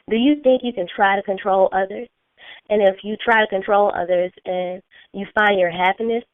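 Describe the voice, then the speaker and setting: This motivational phone call is led by a woman whose medium-pitched voice is a little scratchy from a sinus infection. Her earnest, coaching delivery leans on repeated key phrases, and the conference-line audio sounds dry and tinny.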